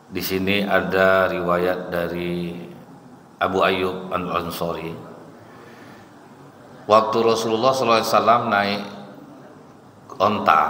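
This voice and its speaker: A man's voice: sits low, sharp tone, slight background noise. A man preaching a sermon to a congregation, telling folksy stories and often turning to his listeners as sir and madam. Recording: echoey hall with faint ambience.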